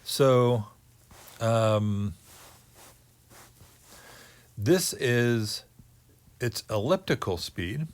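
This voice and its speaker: Speaking in a mid-range voice, a male teacher reasons aloud through a physics lecture about orbits, moving slowly through the numbers with frequent pauses.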